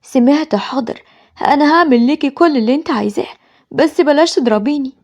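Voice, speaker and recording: A woman's voice: a little high, racing, mellow, dull audio, close to an everyday voice. A woman voicing a frightened Egyptian boy. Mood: fearful. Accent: Egyptian Arabic. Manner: pleading, fearful. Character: frightened schoolboy son.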